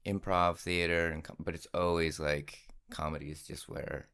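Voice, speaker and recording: A man from the Pacific Northwest with a gravelly voice, chatting casually as a comedian guest on a podcast, self-deprecating and swearing now and then. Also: low-pitched, flat delivery, moderate pace, fairly bright tone. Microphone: podcast mic.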